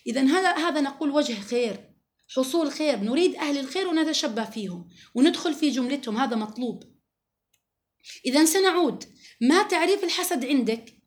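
A woman's voice: high-pitched, lively intonation, a little fast. A woman giving an earnest, emphatic religious lesson to women, often quoting scripture. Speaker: religious teacher.

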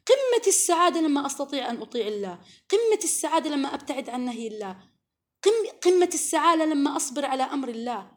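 Female preacher, high voice, earnest and pleading, builds to emphatic peaks. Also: very animated, quick pace. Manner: earnest and pleading, coaxing asides and rising emphasis. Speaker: preacher addressing women. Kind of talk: religious lesson to women.

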